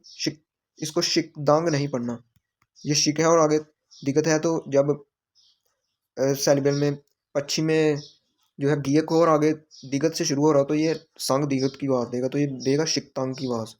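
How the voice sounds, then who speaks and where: A man's voice: a little high, darkish tone. A man teaching a language lesson, patiently explaining exam questions and repeating phrases and word meanings.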